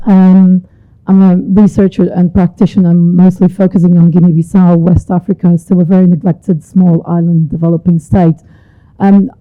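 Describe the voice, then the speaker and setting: A woman's voice: lowish voice, no echo. Researcher lady asking a question, polite, dry and tinny audio. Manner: measured, polite, fillers. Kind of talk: audience question at a panel.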